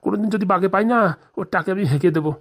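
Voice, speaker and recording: A man with a high, racing voice plays an indignant, scheming forty-year-old villager in a comedy cartoon, a jilted husband who grumbles and swears in rustic colloquial speech.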